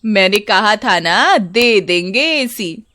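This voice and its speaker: Brief: greedy sharp-tongued mother-in-law, read by a woman storyteller, lively scolding, dry close sound. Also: mid-range voice, slow pace, dry recording. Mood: scornful. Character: greedy harsh middle-aged mother-in-law.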